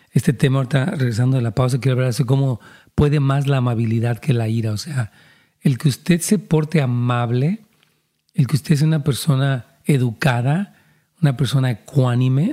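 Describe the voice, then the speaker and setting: Male pastor, husky and warm-toned, earnest counseling voice. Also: mid-range voice. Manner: earnest, preachy, addresses listeners directly.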